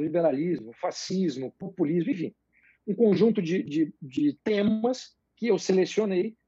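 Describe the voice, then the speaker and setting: A man explaining political ideas as a guest in a live interview, measured and hesitant, with many fillers. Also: sits high, warm tone, breathy edge, no echo, dull audio.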